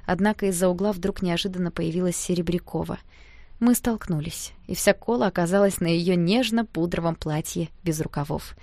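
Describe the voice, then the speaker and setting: A woman reading a first-person audiobook aloud, with a lively, expressive delivery on a close mic. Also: on the low side, a little fast, no room sound. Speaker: audiobook narrator.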